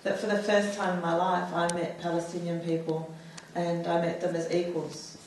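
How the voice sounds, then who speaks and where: Speaking at a moderate pace in a lowish, level, somewhat mellow voice, a woman in her forties from the United States tells her own story as a panelist at a public talk. Her delivery is full of fillers and restarts, and the far mic in the echoey hall picks up a little hiss or hum.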